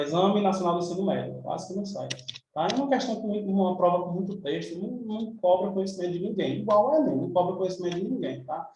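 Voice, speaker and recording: A man's voice: sits high, a little mellow, heavy reverb, far from the mic, a little hiss or hum, low-quality recording. A man with a Brazilian Portuguese accent teaching an exam review lesson in a chatty, informal way, checking in with his students often. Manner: chatty, informal, frequent tag questions.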